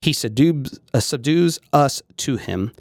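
A man's voice: medium pitch, expressive, measured pace, a little mellow, dry recording, clean studio sound. Conversational man musing on scripture. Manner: conversational, with frequent fillers and restarts. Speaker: podcast host. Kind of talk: casual theological monologue.

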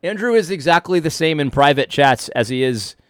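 Clean studio audio with no room sound captures a married adult man from Connecticut, USA, hosting a casual reaction commentary on a clip. His voice is a little high, expressive, fairly quick and a bit bright, and he keeps restarting and tossing in mocking asides.

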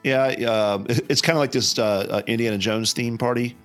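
A man, a pastor co-hosting a podcast, chatting casually in a rambling, hesitant, deadpan way. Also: medium pitch, a little fast, faint music behind. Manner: rambling, hesitant, full of fillers and restarts, deadpan.

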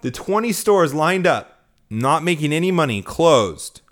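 A man's voice: on the high side, very animated, unhurried, fairly bright tone. A tired man hosting his own podcast, talking casually and rising into emphatic rhetorical questions. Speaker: podcast host. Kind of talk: casual political commentary.

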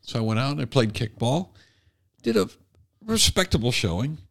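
A middle-aged American man, a stand-up comic hosting a podcast, chats casually with self-deprecating, jokey storytelling. His medium-pitched, fairly bright voice is sing-song at a moderate pace.

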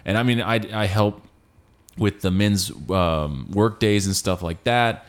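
A young man co-hosting a casual church podcast, rambling and correcting himself, loud and playful. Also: fairly low pitch, unhurried. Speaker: podcast co-host.

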